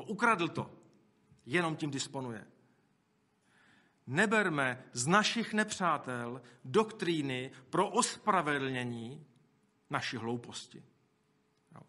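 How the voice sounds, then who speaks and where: A man's voice: a little high, animated, pauses often, sharp tone. A man preaching a sermon in a conversational way, with asides to the congregation and acted-out quotes. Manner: acts out quoted speech.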